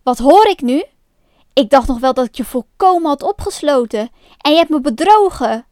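A woman reading aloud plays a spiteful old witch from a storybook who scolds at full volume and stretches each word. The voice sits high and is heard up close and dry, as the narrator puts it on. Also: expressive, normal speed, no echo. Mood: furious. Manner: scolding, loud and drawn out. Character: angry old female witch.

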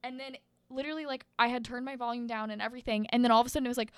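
A young adult woman in casual chat, reacting with animated exclamations and sharing stories full of "like". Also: a little high, racing, smooth, no room sound. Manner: chatty, animated reactions, many "like" fillers.

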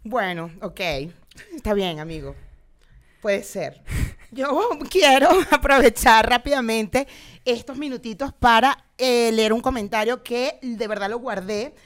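A woman's voice: on the high side, measured pace. A woman co-hosting a podcast, chatting casually and laughing often. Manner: laughs often, bursts into playful singing. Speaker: podcast co-host. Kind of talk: casual chat.

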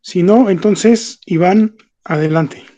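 Mellow-voiced reading circle host. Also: male voice, high-pitched, slow. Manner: friendly, hands the turn to the next reader. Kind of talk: casual moderating.

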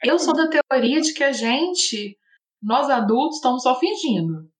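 A woman co-hosting a podcast in casual chat, playful and quick to laugh. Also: high voice, lively intonation, reverberant. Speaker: podcast co-host.

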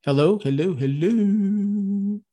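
A man's voice: high voice, slow, dark tone. A man interviewing over a video call while his audio keeps dropping out; he keeps checking that he can be heard. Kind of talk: casual video-call chat.

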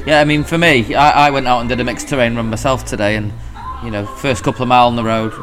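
A British man hosts a casual podcast. His voice sits at a middling pitch, with light music underneath as he chats and puts questions. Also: fairly even intonation, quick pace, a bit bright. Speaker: podcast host. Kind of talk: casual interview hosting, reading listener questions.

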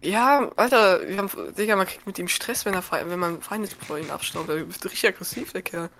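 A young gamer chatting casually and excitably, full of slang, with the voice jumping up when surprised. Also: fairly quick. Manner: excitable, slangy, jumps up in pitch. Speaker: gamer and podcaster. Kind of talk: casual gaming chat.

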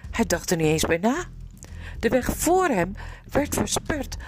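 A woman reading a children's adventure story aloud in an expressive, dramatic way, in a noisy recording. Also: on the high side, measured pace. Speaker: narrator.

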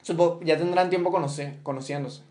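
Slangy Venezuelan young man, high voice. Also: normal speed, a little mellow. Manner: slangy, joking, argues by hypothetical examples. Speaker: podcast co-host. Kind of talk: casual chat.

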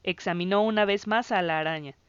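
A woman narrating a story in the first person, in an even, measured reading. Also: medium pitch, smooth, no room sound, lo-fi sound. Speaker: audiobook narrator.

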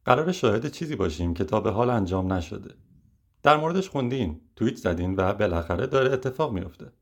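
A man's voice: on the low side, animated. Man reading a reflective memoir aloud. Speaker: audiobook narrator. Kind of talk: first-person audiobook narration.

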